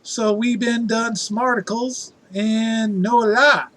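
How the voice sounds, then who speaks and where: Man putting on a high, drawling Alabama yokel. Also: steady tone, slow pace, fairly bright tone, heavily acted. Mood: mock-proud. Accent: exaggerated Alabama accent. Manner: drawling, folksy, ungrammatical. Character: folksy, proudly backwards Alabama townsperson with mangled grammar.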